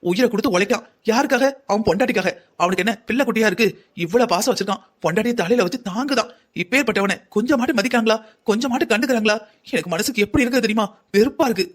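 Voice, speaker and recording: A man's voice: high voice, racing. A man voicing a stern middle-aged mother in a cartoon story who scolds her daughter with rhetorical questions. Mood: scolding.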